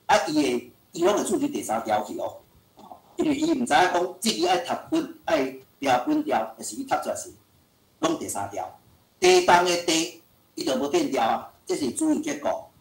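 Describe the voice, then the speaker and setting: A male lecturer with a voice on the high side and some vocal fry gives an online language lesson, chatty and full of filler sounds. The recording has a roomy echo.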